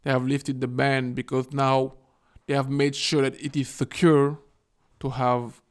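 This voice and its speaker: A man's voice: medium pitch, level tone, measured pace, clean tone. A man giving casual, irreverent commentary in a vlog, often swearing and acting out the people he quotes. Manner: irreverent and profane, acts out quoted voices. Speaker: video host.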